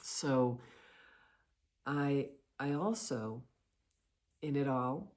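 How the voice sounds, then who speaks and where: Slow-talking middle-aged woman sharing personally. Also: extremely low pitch, darkish tone. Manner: halting, reflective, pausing often between short phrases. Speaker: vlogger sharing personal experiences. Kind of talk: confessional personal monologue.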